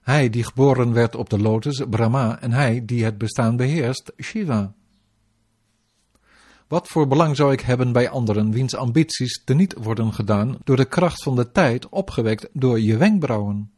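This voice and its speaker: A man reading the lines of a devoted queen praising her divine husband, in an even, formal devotional reading of scripture. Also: mid-range voice, moderate pace, close to an everyday voice. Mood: adoring.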